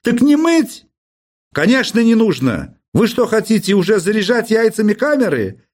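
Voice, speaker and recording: A man's voice: high voice, very animated, moderate pace, a little mellow, pitched above the performer's own voice. A man voicing a fussy, anxious provincial farm manager. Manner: anxious, fussing.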